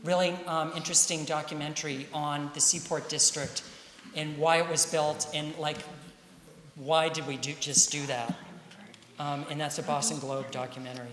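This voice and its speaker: A man moderates an event, introducing the next speaker casually and with many fillers. His voice sits on the high side. The sound comes from a large, reverberant hall with a light hiss. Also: little pitch movement, moderate pace, a bit bright. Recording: echoey hall with faint hiss.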